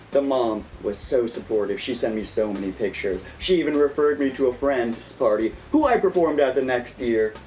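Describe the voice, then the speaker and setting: A man's voice: mid-range voice, a little mellow, distant mic, low-quality recording. A man in his late twenties talking to camera like a kids' party magician, with playful, exaggerated showmanship. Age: late 20s. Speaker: magician and video host.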